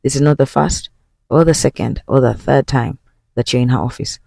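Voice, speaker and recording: A woman's voice: very deep voice, normal speed, creaky, warm tone, no room sound, studio quality. A woman hosting a podcast, casually retelling a dramatic story in second person, as if talking straight to the listener. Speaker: podcast host.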